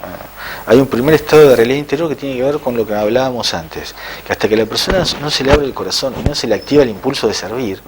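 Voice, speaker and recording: A middle-aged man, an interviewed author, telling a spiritual story in a halting way with frequent "eh" fillers. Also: medium pitch, noisy background.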